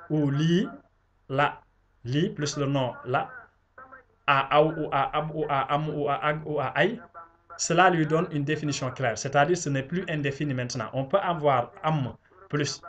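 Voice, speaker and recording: A man's voice: on the high side, fairly bright tone. A man from Senegal, giving a spoken grammar lesson. He explains step by step, repeats each example and often restarts with fillers. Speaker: language teacher.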